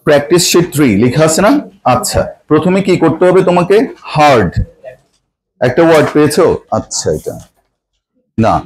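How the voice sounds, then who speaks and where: A man's voice: fairly high pitch, animated, moderate pace, rough recording. A man teaching an English grammar lesson to a class. He keeps asking the students questions and mixes Bangla with English.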